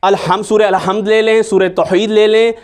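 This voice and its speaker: High-voiced man teaching recitation. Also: level tone, normal speed, clean tone. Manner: patient, repeats sounds to demonstrate. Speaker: religious teacher. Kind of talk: Quran recitation lesson.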